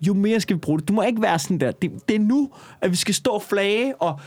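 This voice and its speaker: A man co-hosting a podcast in casual chat, animated and emphatic, with frequent swearing. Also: high voice, no room sound. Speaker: podcast co-host.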